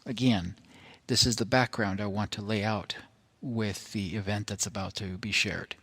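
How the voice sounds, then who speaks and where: A man presenting a recording in an explanatory monologue, phrasing things carefully and haltingly, in short deliberate pieces. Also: on the low side, steady tone, a bit bright, breathy edge.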